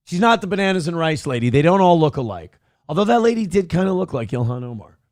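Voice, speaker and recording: A sarcastic American man delivers comedic political commentary. His voice sits a bit high and swings widely in pitch, emphatic and mocking, in a very dry recording. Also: big pitch swings, fast talker, darkish tone, no room sound. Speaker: talk show host.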